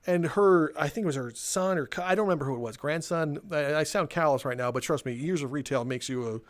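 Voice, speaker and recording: A man's voice: fairly high pitch, fairly quick. A young man telling rambling, sardonic stories in a casual way while playing a game, swearing and laughing between them. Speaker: gaming video creator.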